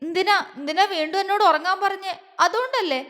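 Woman doing a scared teary young girl, stammers n sobs, high voice, big reverb. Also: expressive, normal speed, bright, forceful tone, full character voice. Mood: tearful, pleading. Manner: sobbing, stammering, pleading. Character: young woman, tearful, timid and fearful.

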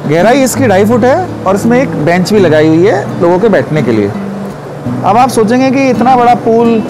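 A man in his forties giving a confident, persuasive sales pitch at a stall in a large exhibition hall. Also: very animated, moderate pace, over music. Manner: confident, persuasive, gestures while explaining. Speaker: pool company representative.

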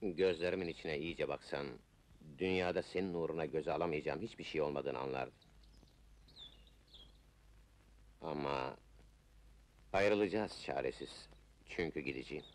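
Very deep-voiced, ardent Ottoman officer. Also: normal speed. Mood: solemn, resolute. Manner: declamatory, poetic, earnest. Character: ardent patriotic Ottoman officer in love, solemn and resolute. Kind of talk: old Turkish film melodrama acting. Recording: old film soundtrack with music. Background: film music.

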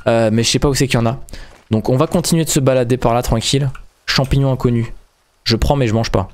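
A young man hosting a video game playthrough in casual commentary, excitable and stumbling over his words. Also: mid-range voice, fast talker. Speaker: gaming video host. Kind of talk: casual let's-play commentary.

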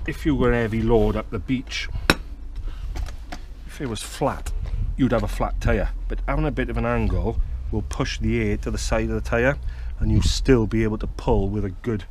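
A man's voice: fairly low pitch, steady tone, moderate pace, a little mellow. A man in his thirties from the UK giving a chatty, plain-spoken how-to demonstration outdoors in a back garden, recorded on a nearby action camera. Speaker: fishing channel host. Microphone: action camera close by. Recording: noisy outdoor camera audio.

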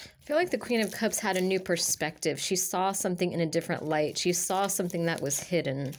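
Seated indoors at a table of tarot cards, a woman with a lowish voice and a stuffy, allergy-clogged nose reads the cards aloud a little fast. Her casual tarot monologue rambles loosely, full of fillers and restarts.

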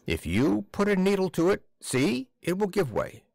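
Man playing a stubborn old tailor, curt and decisive, slightly low, dry close sound. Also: wildly swooping pitch, normal speed, gravelly, a little mellow, no echo, full character voice. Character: blunt one-eyed male tailor, stubborn.

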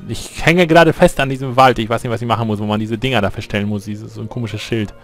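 A man's voice: on the low side, fairly even intonation, fast talker. A man doing casual, enthusiastic, rambling commentary as he plays a game. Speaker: let's player. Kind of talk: casual gameplay chat. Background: game music.

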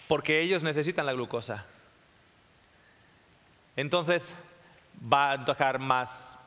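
A man's voice: medium pitch, sharp tone. A man giving a classroom talk to a live audience, often checking in with listeners and repeating phrases. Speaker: lecturer. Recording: long hall reverb.

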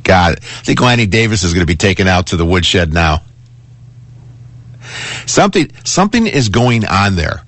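Low-voiced man hosting talk radio. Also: big pitch swings, moderate pace, long pauses, a bit bright, no room sound. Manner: conversational, repeats and restarts phrases for emphasis. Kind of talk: casual talk radio monologue and caller chat. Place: radio studio. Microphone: close studio broadcast microphone.

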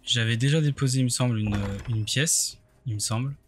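A man's voice: medium pitch, fairly quick, soft background music. A man doing casual let's play commentary, thinking aloud and muttering hesitantly to himself in short bursts. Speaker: let's play video game streamer.

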